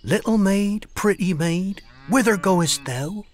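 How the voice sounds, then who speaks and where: A woman reciting nursery rhymes in an expressive storytelling manner. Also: medium pitch, takes it slowly. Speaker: rhyme reader.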